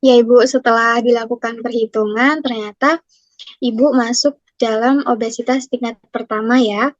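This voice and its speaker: In a scripted class role-play, a young woman plays a nutrition counselor, asking polite, formal questions one step at a time. Her voice is a little high, with a steady tone and moderate pace, in a dry, muffled lo-fi recording with no room sound.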